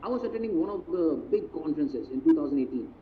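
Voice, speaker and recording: Indian man, business mentor on a video call, lively storyteller, slightly high voice, tinny audio. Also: fast talker. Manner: animated, mixes in Hindi phrases, acts out quotes. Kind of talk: live online talk, storytelling. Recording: tinny phone-like audio, faint noise.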